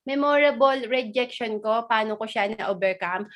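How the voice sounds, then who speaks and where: A woman's voice: a little high, unhurried. Chatty woman on a video call. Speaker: guest speaker. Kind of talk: casual Taglish sharing on a video call. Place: abroad, in Australia.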